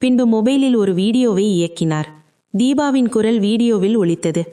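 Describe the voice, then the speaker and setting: Mellow woman narrating a story. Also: on the high side, expressive, normal speed. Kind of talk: scripted first-person storytelling.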